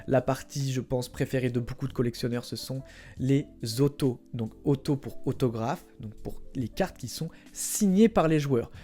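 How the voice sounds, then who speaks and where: A man's voice: medium pitch, normal speed, warm tone, soft background music. A young man hosting a casual explainer vlog, chatting directly to viewers in a playful way and tossing in spoken sound effects. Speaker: trading card collector and channel host.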